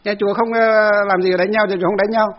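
High-voiced monk telling a story. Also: male voice, level tone, fast talker, muffled recording. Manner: chatty storytelling, many fillers, acts out quarrels. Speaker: Buddhist monk. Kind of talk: dharma talk with personal story.

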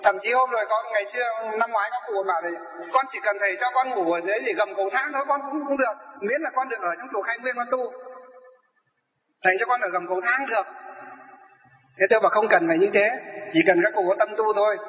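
A Buddhist monk gives a sermon, asking rhetorical questions and answering them himself. His voice sits high. The recording is dull, with a long, roomy hall echo. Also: fast. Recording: echoey hall, dull sound.

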